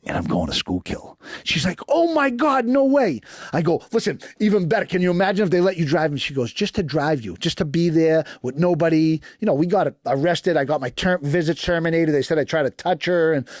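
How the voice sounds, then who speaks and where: A man's voice: a little high, fast talker, hardly any pauses, no room sound, studio quality. A middle-aged man with a Boston accent telling long stories in a podcast interview, acting out other people's lines with fillers along the way. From East Boston, USA. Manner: animated storyteller acting out dialogue, frequent fillers. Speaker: guest, former prisoner.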